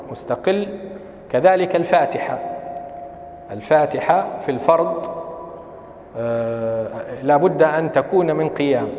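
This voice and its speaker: A man with a Libyan Arabic accent, a sheikh giving a classroom lecture on Islamic law, explaining carefully and reciting examples. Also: a little high. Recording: echoey hall, dull lo-fi sound.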